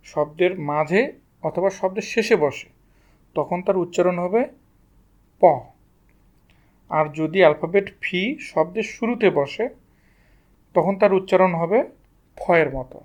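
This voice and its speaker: High-voiced man teaching pronunciation. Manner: asks questions and answers them himself. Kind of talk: explaining lesson to students.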